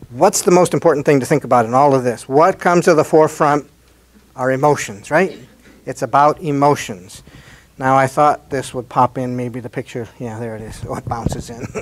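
A man with a somewhat high voice leads an adult education session from slides. He talks in a gentle, encouraging way. He keeps pulling listeners in with rhetorical questions. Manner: conversational, often asks rhetorical questions and adds "right?". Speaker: presenter at a parish adult education talk. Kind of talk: slide presentation lecture.

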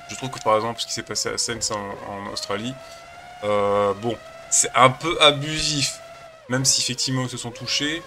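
This man, who has a cold, runs a gaming channel and chats casually while playing a racing game, rambling and hesitating along the way. He speaks at a medium pitch over a noisy background.

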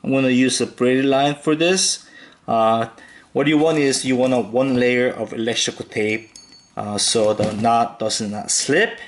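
This fishing tutorial voice-over features a medium-pitched man who talks calmly through each step while tying knots. He keeps a slow, relaxed instructional pace, dropping in fillers now and then.

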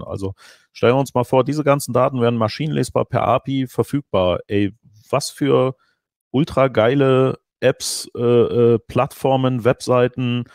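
A middle-aged man on a headset, answering questions at an online conference, animated but full of hesitations and restarts. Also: medium pitch, no echo, studio quality. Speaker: keynote speaker. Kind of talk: conference Q&A over video call.

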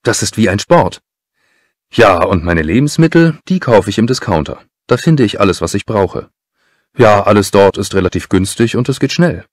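A man's voice: lowish voice, expressive, normal speed. A man playing a thrifty, competitive bargain hunter in a casual, chatty scripted monologue. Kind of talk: scripted first-person monologue.

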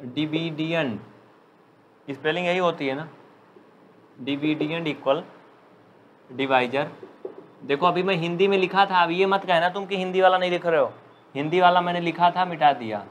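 A man teaching a live online maths class who jokes with students and dictates slowly. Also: on the high side, slight background noise. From India. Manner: chatty, joking, dictates slowly.

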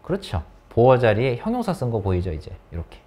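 Man, English teacher, animated rising and falling pitch, coaxing questions. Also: fast talker. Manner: lively, coaxing questions to students. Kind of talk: classroom grammar lesson. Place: academy classroom.

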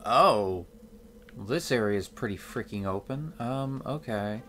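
A man's voice: lowish voice, lively intonation, measured pace, fairly bright tone, soft background music. A man streaming a video game with casual live commentary, chatting as he plays.

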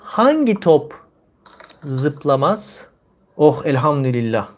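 A man's voice: on the high side, sing-song, takes it slowly. A man in his thirties hosting a conversational language lesson, using simple, repetitive phrasing for learners. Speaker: language teacher and livestream host. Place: small room indoors. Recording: clearly noisy livestream with clicks.

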